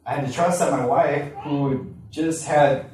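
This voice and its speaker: A man's voice: a little high, a little slow, a little mellow. A man, a pastor, earnestly telling a personal story during a sermon in a conversational way. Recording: echoey room, mic at a distance.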